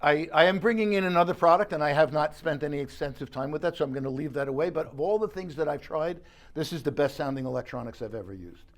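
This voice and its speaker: A man with a fairly high voice talks quickly, walking visitors through audio gear in an exhibition suite at an audio show. He's a dealer giving a casual showroom demonstration, correcting himself as he goes.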